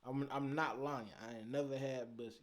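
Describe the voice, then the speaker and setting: A man's voice: medium pitch, steady tone, brisk. A man hosting a reaction video, casually commenting with blunt denials and laughing asides.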